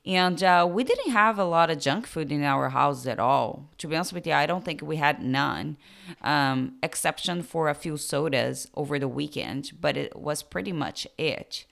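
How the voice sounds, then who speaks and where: A woman's voice: sits low, creaky. A young adult woman with a Brazilian accent hosting a podcast, telling her life story in a hesitant way with many fillers. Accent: Brazilian Portuguese. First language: Portuguese. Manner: slow, hesitant, frequent fillers. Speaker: podcast host.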